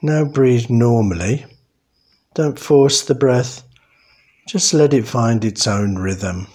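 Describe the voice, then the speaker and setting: A man guiding a meditation in a calm, soothing way, giving slow, unhurried instructions. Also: mid-range voice. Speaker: meditation guide. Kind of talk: guided meditation narration.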